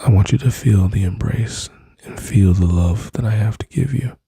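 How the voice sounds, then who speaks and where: A man speaking slowly and intimately into a close mic, soothing and reassuring, often dropping to a whisper. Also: on the low side, vocal fry, dark tone, breathy edge, no room sound. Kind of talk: soft-spoken ASMR comfort roleplay.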